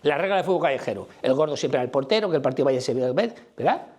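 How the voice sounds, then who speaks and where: A man's voice: fairly high pitch, expressive, quick pace, darkish tone. A middle-aged man with a Madrid accent giving a conference talk, blunt and colloquial, firing questions at the audience. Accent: Madrid Spanish. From Spain. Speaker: conference speaker. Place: conference room before a live audience.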